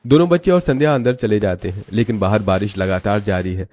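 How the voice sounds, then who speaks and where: A man narrating a cartoon story in a steady, even storytelling voice. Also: lowish voice, fast, a little hiss or hum.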